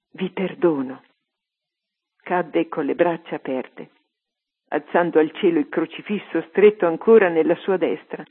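A woman reading a story aloud on religious radio in a steady storytelling manner. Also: low voice, breathy edge. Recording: tinny phone-like radio line.

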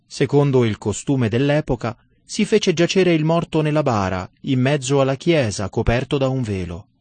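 A man reading a devotional sermon in a solemn, measured and emphatic manner. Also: medium pitch, lively intonation, a little mellow, no room sound. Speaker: religious narrator.

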